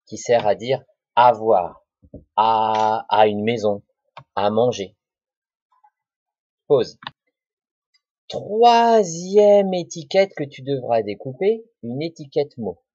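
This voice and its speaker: Man, schoolteacher, slow syllable-by-syllable dictation, husky voice, dull lo-fi recording. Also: medium pitch, warm tone, dry recording. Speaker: primary school teacher. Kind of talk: recorded reading and spelling lesson for children.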